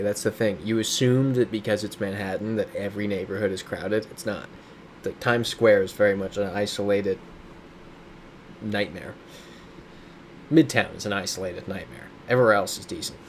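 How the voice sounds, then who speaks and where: This streamer, playing a geography game from his big-city home, reads chat aloud and riffs on it casually. He speaks fairly quickly in a lowish, steady voice, with a little hiss or hum on the recording.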